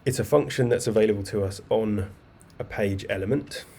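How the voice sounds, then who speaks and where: A man teaching a live online coding class, explaining step by step in a relaxed, chatty way with asides and fillers. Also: lowish voice, a little fast, vocal fry, breathy edge. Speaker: coding bootcamp instructor. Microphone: webcam video call mic. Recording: faint background noise.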